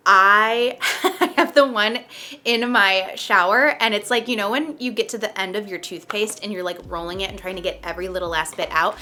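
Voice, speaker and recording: A young woman talks through her favorite products in a loose, chatty way, leaning on filler words as she goes. Her voice sits at an ordinary middle pitch with a bright, forward edge. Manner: chatty, many "like" and "um" fillers, light laughs. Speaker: beauty vlogger. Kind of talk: casual product review chat.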